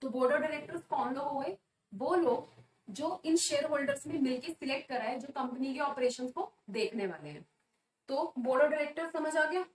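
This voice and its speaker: A woman teaching a commerce lesson. She asks the class questions, answers them herself, and reads English definitions slowly. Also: high voice, slight background noise. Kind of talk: classroom lecture. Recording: echoey room, a little distant.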